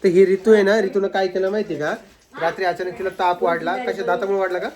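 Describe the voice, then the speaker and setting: A man's voice: sits high, level tone, fast, crowd noise. A man chatting to viewers in a casual family vlog and coaxing the children. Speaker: family vlogger. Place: crowded family home indoors. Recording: crowded noisy family room.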